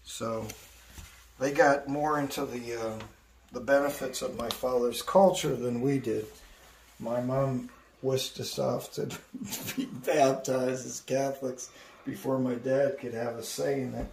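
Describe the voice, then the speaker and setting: A man's voice: medium pitch, steady tone, measured pace, creaky, a little mellow. Rambling older man in an echoey room. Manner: rambling storyteller, many fillers. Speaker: artist showing his studio. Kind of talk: casual guided tour. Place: indoor art studio. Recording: echoey room, distant mic, faint hiss.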